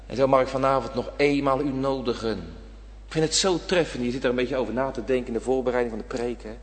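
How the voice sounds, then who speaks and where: A man preaching a sermon with great passion, dropping to a hush and then rising to a shout. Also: mid-range voice, fairly even intonation, fast talker. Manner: impassioned preaching, swinging between hushed and shouted. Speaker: pastor. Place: church. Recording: church hall reverb.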